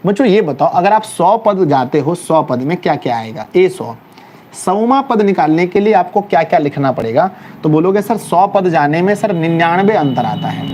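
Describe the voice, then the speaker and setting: A male math teacher with a high, bright voice, lecturing a class in a lively, teasing way. Faint background noise and the odd passing vehicle can be heard behind him. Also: normal speed. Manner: lively, calls students "my child", teasing scolding.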